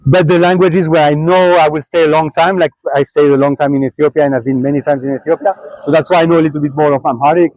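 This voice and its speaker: Halting man. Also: a little high, steady tone, a little mellow, dry recording, poor audio. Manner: halting, many restarts and fillers. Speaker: traveling cyclist. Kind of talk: casual interview answers.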